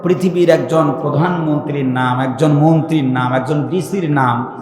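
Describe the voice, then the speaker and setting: Male preacher from Bangladesh, slightly high voice, booming echo, questions the congregation. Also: normal speed, darkish tone. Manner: asks the crowd questions and has them repeat words. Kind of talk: Islamic sermon (waz) to a mosque congregation. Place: mosque hall. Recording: very echoey hall.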